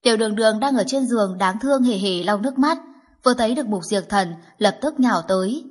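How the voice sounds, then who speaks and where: Casting: a woman narrator with a husky, breathy voice for a steady audiobook reading. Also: on the high side, fast talker.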